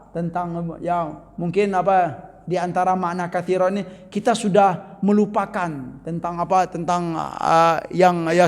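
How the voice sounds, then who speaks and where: A man's voice: high voice, in a large hall. A man teaching a mosque study session, reading Arabic phrases and explaining them conversationally, often addressing the men as "Pak". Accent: Indonesian. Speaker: religious teacher.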